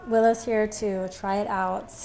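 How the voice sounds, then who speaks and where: A woman hosts a relaxed cooking vlog from her home kitchen. She talks slowly and softly, at a middling pitch, lingering over each word as she tastes. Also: over music. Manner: relaxed, savoring, soft-spoken. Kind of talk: casual cooking chat.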